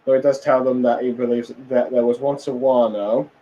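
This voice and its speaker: A man's voice: mid-range voice, level tone, moderate pace, muffled recording. A tired man casually recapping a comic chapter, rambling with many fillers and restarts. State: tired, yawning. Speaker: manga reviewer.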